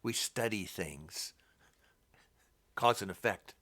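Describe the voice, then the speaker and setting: A man reading the Bible aloud and commenting on it, talking in a halting, rambling way with many restarts. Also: fairly low pitch, fairly bright tone. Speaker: Bible teacher.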